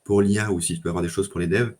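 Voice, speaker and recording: Low-voiced man in casual tech chat. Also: very fast. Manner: relaxed, many fillers and restarts. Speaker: data engineer guest.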